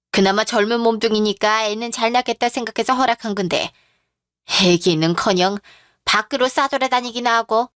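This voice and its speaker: A woman voicing a domineering, sharp-tongued older mother-in-law in a radio drama, with a scolding manner. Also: a little high, no echo, clean studio sound, lightly acted.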